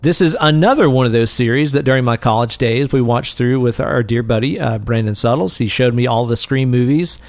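Male podcast co-host, relaxed joker, dry close sound. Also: medium pitch, fairly quick, hardly any pauses, dry recording. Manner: joking, laid-back, swears casually. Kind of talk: casual podcast chat.

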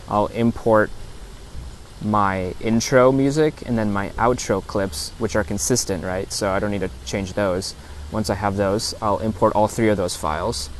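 A man hosting a casual solo podcast outdoors in an open park on a lapel mic, explaining step by step in a halting, self-correcting way. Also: fairly low pitch, low-quality recording. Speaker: podcast host and vlogger. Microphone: lapel lavalier into a phone. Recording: outdoor park recording with clear background noise.

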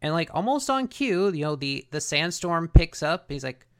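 A man's voice: fairly high pitch, sing-song, normal speed, smooth. A man co-hosting a podcast, casually retelling a cartoon episode in a conversational way. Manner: conversational, story-telling with paraphrased dialogue. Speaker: podcast co-host.

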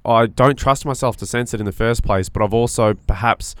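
Speaking a little fast at medium pitch, a nasal-voiced podcast co-host muses in a casual, reflective conversation. He comes across as earnest and searching, frequently breaking off to begin again.

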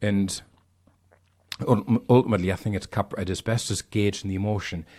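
A man giving a thoughtful, measured film review in casual podcast chat. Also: lowish voice, fairly even intonation, a little mellow. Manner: thoughtful, measured analysis with conversational asides.

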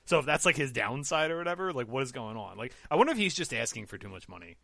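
A man's voice: mid-range voice, very animated, fast, vocal fry, pushed and bright, dry recording. A man hosting a casual esports podcast, talking loosely and correcting himself as he goes. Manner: loose, rambling, self-correcting. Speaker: podcast host.

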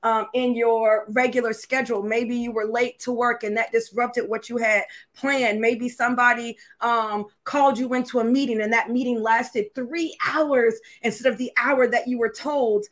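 Woman pastor, slightly high voice, loose conversational sermon opener, self-deprecating, quick to laugh. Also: fairly even intonation. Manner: candid and self-deprecating, laughing often, asking viewers questions. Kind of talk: casual, conversational sermon opening to an online congregation.

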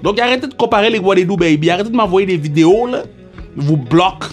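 Man, Quebec French accent, high voice, hyped playful podcast host, English slang sprinkled in, faint music behind. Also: animated, fast talker. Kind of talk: casual podcast chat.

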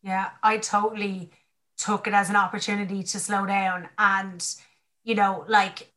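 A woman's voice: medium pitch, flat delivery, a little slow, sharp tone. An Irish-accented woman hosting a casual chat, effusive and informal, often restarting her sentences as she goes. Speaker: podcast host.

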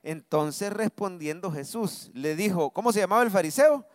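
Pastor guy, high smooth voice, dry sound, calling out to the church for amens. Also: expressive, moderate pace, dry recording. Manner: calls on the congregation for responses, reads verses aloud. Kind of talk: live sermon with congregational Bible reading.

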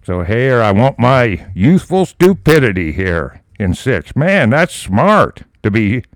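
A man's voice: medium pitch, sing-song, no room sound, studio quality. A man reading scripture aloud and breaking off into fiery, mocking preaching commentary. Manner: slow measured reading, then fiery mocking rebukes. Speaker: Bible reader and commentator.

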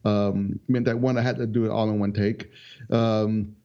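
Young musician guy, lowish mellow voice, laid back and rambly, kinda muffled audio. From North Carolina. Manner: relaxed, rambling, with many ums and quick laughs. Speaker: interview guest, multi-instrument musician. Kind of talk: casual interview chat. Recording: dull lo-fi audio.

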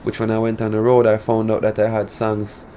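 Jamaican man with a country drawl, fairly low. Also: monotone, fairly quick, mellow, a little hiss or hum. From rural Jamaica (Saint Elizabeth). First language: Jamaican Patois. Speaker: reggae recording artist being interviewed. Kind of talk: casual interview talk.

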